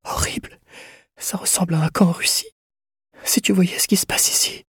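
Man voicing a frail young woman prisoner, high faint voice, breathy, half-whispered, storybook. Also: level tone, quick pace, a bit bright, no echo, studio quality. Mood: frightened, weak.

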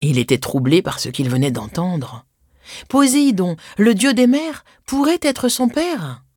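A woman narrating a children's storybook in an expressive, scripted way, lifting her voice on dramatic words. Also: mid-range voice, a little slow, no room sound, clean studio sound.

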